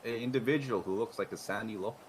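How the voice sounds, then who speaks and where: A man's voice: on the low side, fast, a little hiss or hum, natural voice, low-quality recording. A man in an improvised game role-play, playing a man who talks like a stiff robot in formal, mechanical phrases. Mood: stiff robotic.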